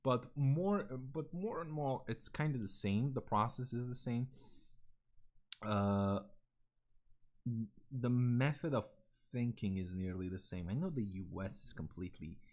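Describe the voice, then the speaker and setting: This is loose, rambling stream talk from a young Serbian vtuber with a Serbian accent, who swears a lot, uses many fillers and doesn't mince words. His medium-pitched voice has a darkish tone and a measured pace.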